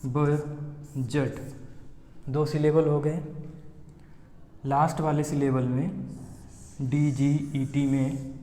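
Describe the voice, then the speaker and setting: A man's voice: a little high, flat delivery, dark tone. A man teaching English grammar in a patient way, asking questions and answering them himself. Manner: slow, patient, asks then answers his own questions. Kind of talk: explaining a lesson. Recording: echoey room with long reverb.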